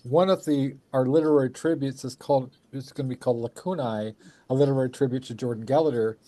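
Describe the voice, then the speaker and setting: Mellow, effusive man hosting a chat show. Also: medium pitch, fairly even intonation, fast, dry recording. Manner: effusive, rambling, repeats phrases. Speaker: show host. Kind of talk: casual chat.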